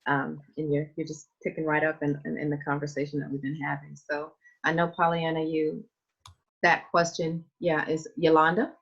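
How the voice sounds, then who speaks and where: A woman hosting a group discussion on a video call, talking warmly and earnestly with hesitant restarts. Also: sits low, flat delivery, moderate pace, creaky, breathy edge. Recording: muffled video-call audio.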